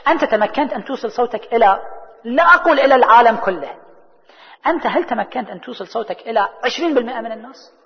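A man preaching a sermon with a high voice that swings widely in pitch. He poses questions to the crowd and answers them himself, moving from hushed lines to loud ones. The recording is dull and carries a long hall echo. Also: expressive, rapid-fire. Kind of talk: religious sermon.

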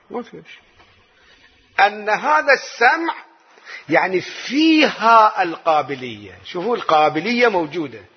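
Iraqi religious teacher, Quran lesson, animated with a wide swinging pitch, heavy rasp. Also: male voice. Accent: Iraqi Arabic. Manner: animated, asks rhetorical questions and answers them. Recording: dull lo-fi recording.

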